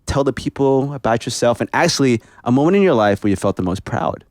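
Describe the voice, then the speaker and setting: A man hosting an interview show, chatting casually and joking with his guest, quick to laugh. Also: medium pitch, lively intonation, a little mellow, no room sound, clean studio sound. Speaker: podcast host.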